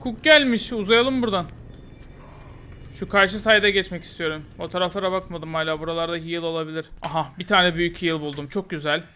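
A young man giving excited, taunting gameplay commentary as a gaming YouTuber, laughing often and talking close to a desk mic. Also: fairly high pitch, fast, clear, resonant tone.

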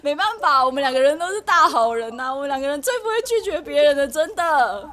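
A woman's voice: high-pitched, quick pace, heavy background noise. A young woman with a Taiwanese Mandarin accent, a live streamer telling a travel story in casual chat. She tells it with a lot of energy and often laughs at her own story. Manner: animated, laughs through her own retelling.

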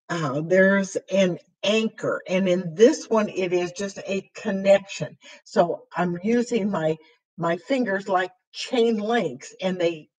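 An older woman teaches a sign language lesson, explaining slowly in a small indoor room with a dark curtain backdrop. Her voice is weak, husky, lowish, and a little mellow, hoarse after throat intubation, and she speaks haltingly with frequent fillers while signing. The recording quality is low.

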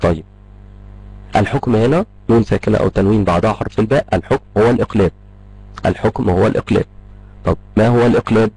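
A man's voice: lowish voice, creaky, mellow, slightly rough, dry recording, low-quality recording. A man with an Egyptian Arabic accent giving an online tajweed lesson, repeating each point and checking understanding as he goes. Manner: rapid, repetitive explaining, checks in with "tamam?". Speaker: Quran recitation teacher.

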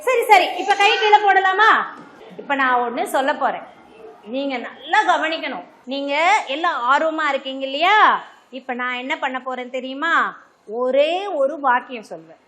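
A woman's voice: high-pitched, normal speed, a bit bright. A woman teaching a classroom lesson to young children with a Tamil Nadu accent, coaxing them along with constant questions. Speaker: primary school teacher. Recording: echoey classroom, faint noise.

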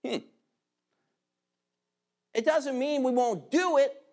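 A male pastor preaching a sermon in an animated, emphatic way, drawing out key words. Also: extremely high pitch, takes it slowly.

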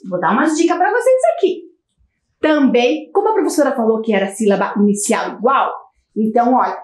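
A woman teacher with a Brazilian Portuguese accent, giving a slow, encouraging lesson to young children. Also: high voice, echoey room. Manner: slow, sing-song, encouraging, talks straight to young children.

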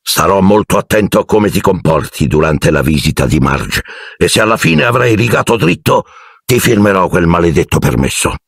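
A man's voice: low voice, very animated, normal speed, no echo, studio quality, exaggerated voice. A man voicing an overbearing middle-aged uncle who growls and threatens, in an audiobook. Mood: menacing. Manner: gruff, blustering, threatening.

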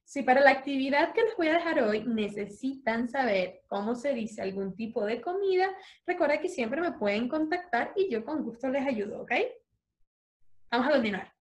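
A young adult woman teaching an online English lesson to young children, spelling words out slowly, praising warmly and switching between English and Spanish. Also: high-pitched, lively intonation. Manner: slow, drawn-out spelling and cheerful praise.

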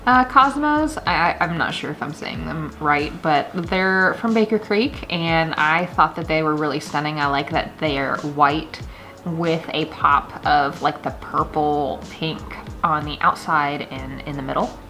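A gardening vlogger in her thirties talks casually and eagerly to camera indoors in her kitchen, holding up seed packets. Her voice is deep, unhurried and sharp in tone, with soft music in the background.

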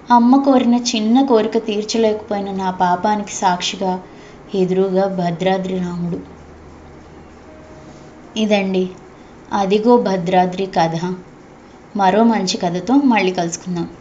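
A woman reading a story aloud in a measured, heartfelt storytelling voice. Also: mid-range voice, warm tone, a little hiss or hum. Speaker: audiobook narrator. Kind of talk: scripted story narration. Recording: dull, slightly lo-fi recording.

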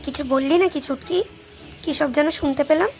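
A nagging cartoon mom. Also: female voice, high voice, fairly quick, vocal fry, darkish tone, faint music behind. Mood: wary. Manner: nagging, scolding, then soothing. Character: scolding but caring young mother. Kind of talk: Bengali cartoon voice acting.

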